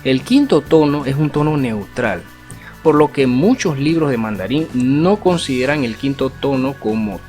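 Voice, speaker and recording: A man's voice: medium pitch, a little mellow. A man teaching an online language lesson in an explanatory way, often checking in with rhetorical tag questions. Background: faint guitar music.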